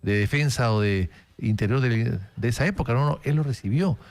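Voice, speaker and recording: With a medium-pitched voice and a brisk delivery, a Peruvian radio host recounts anecdotes conversationally during a political interview, leaning heavily on "eh" as a filler.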